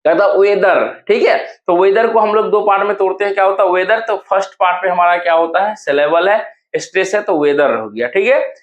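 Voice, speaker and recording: A man teaching an exam-prep lesson, who asks and answers his own questions and repeats words slowly to show where the stress falls. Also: high voice, muffled recording. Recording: echoey room.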